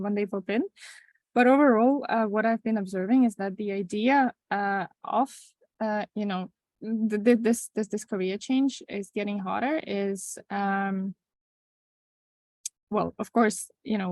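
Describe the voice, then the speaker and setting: Gravelly-voiced woman from Latvia. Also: mid-range voice, a little mellow, dry recording. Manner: conversational, with frequent restarts and fillers. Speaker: webinar facilitator. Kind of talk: online presentation. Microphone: video call.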